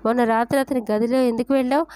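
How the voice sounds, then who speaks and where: A woman's voice: a little high, steady tone, quick pace, mellow, smooth, close to an everyday voice. A woman voicing a harsh, domineering older mother-in-law in a story reading, scolding and threatening. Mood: suspicious. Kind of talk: storytelling narration.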